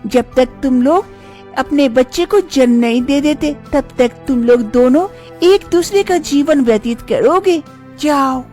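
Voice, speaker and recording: A woman's voice: high voice, a little slow, warm tone, faint music behind, pitched above the performer's own voice. A woman voicing a benevolent female goddess in a storybook tale, who sounds soothing, motherly and commanding.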